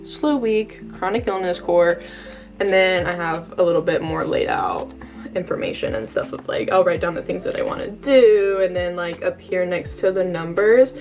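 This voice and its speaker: A woman's voice: on the low side, normal speed, darkish tone. A young American woman chatting casually in a vlog with a gushing valley girl manner, peppering her talk with filler words. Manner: valley girl delivery, frequent "like" and "totally cute", gushing. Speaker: vlogger. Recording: music behind the voice. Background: background music.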